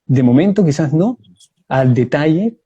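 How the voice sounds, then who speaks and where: This debate guest's voice is on the high side, expressive and dark, with a husky quality, and the recording sounds muffled. Answering over a video call in a live online debate, he calmly builds his case step by step and illustrates it with examples.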